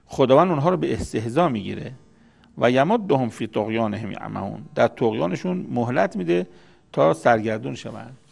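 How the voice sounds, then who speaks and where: Gravelly-voiced man teaching scripture. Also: medium pitch, lively intonation. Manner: explanatory, repeats key words. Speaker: Quran commentator. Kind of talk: religious lecture.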